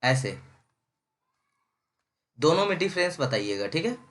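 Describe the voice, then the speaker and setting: A young man with a fairly high, very animated, fairly bright voice delivers a recorded online engineering lecture in a mix of Hindi and English. He mixes English terms into his talk, checks in with students often by repeating "ठीक है", and reads English lines slowly.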